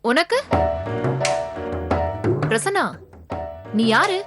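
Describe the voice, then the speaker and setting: Brief: a threatening, accusing woman, high voice, clear music bed under. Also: sing-song, extremely slow, full character voice. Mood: menacing. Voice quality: menacing, accusing. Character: vengeful woman threatening a man. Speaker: character in a TV serial. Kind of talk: TV serial acting. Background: dramatic background score.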